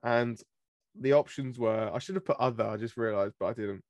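A man's voice: medium pitch, a little fast, a little mellow, no room sound. A British man from Britain co-hosting a podcast in casual chat, laughing often as he tells stories. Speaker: podcast co-host.

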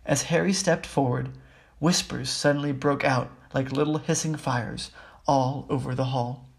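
A man reading a children's book aloud in a steady, even way, with small slips. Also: mid-range voice, measured pace, vocal fry. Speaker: audiobook reader. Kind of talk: storybook reading.

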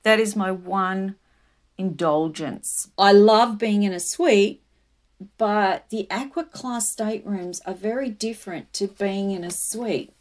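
A woman's voice: mid-range voice, slow. Female travel presenter: middle register, informative yet conversational commentary with personal touches. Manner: conversational, explanatory.

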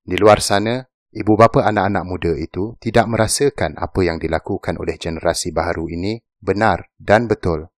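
A man reading an opinion essay aloud in a measured, serious narration. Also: deep voice, no room sound, clean studio sound. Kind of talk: scripted narration.

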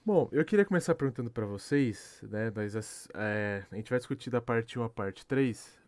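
A man's voice: medium pitch, lively intonation, normal speed, darkish tone, slight background noise. A young Brazilian man hosting a casual group chat, laid-back and full of slang. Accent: Brazilian Portuguese. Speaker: podcast host.

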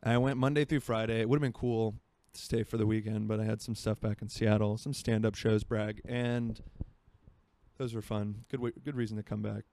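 Rambling self-mocking young man, mellow voice. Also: lowish voice, fairly even intonation, moderate pace. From Florida. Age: 20s. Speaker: podcast host. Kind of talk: solo casual podcast chat. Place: home by a marina.

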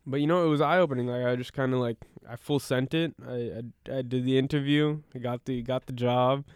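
A man's voice: medium pitch, steady tone, a little fast, clear, resonant tone, no room sound, studio quality. A young man from suburban Washington chatting casually as a podcast co-host, rambling and informal. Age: young adult. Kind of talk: casual chat.

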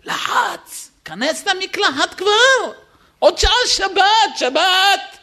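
A man voicing a frantic, nagging man who shouts urgent, repeated commands at others. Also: very high voice, expressive, vocal fry, voice pushed up, exaggerated voice.

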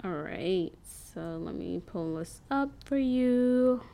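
A woman's voice: medium pitch, animated, slow pace, creaky, mellow. A woman hosting a faith and business group, talking casually and earnestly to her viewers, rambling a little with many ums and restarts. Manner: preacherly and earnest.

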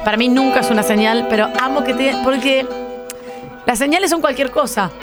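Co-host, acento rioplatense, expresiva; voz algo aguda. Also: female voice, sits high, a little fast, loud music behind the voice. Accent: Rioplatense Spanish. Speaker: radio show co-host. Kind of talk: casual chat.

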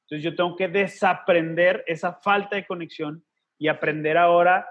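A man's voice: high voice, fairly even intonation, moderate pace, a bit bright, highs cut off. A man, co-hosting a faith podcast and telling personal stories earnestly with slangy asides. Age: 30s. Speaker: podcast co-host. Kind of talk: casual faith podcast conversation.

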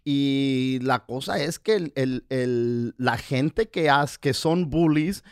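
An older man, a comedian co-hosting a casual podcast chat, full of crude slang and halting restarts. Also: mid-range voice, clear, resonant tone, dry recording, clean studio sound. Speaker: comedian co-host.

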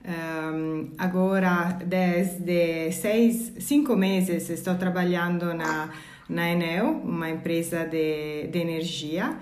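A woman's voice: lowish voice, steady tone, slow, a little mellow. Woman with an Italian accent, hesitant, searching for words, echoey room. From Italy. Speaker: guest. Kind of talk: casual conversation.

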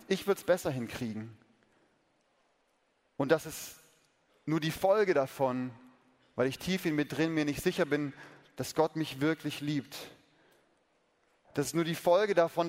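Earnest man preaching in a reverberant hall. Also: on the high side. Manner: earnest, speaks straight to listeners with questions. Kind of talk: sermon. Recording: long reverb of a large hall.

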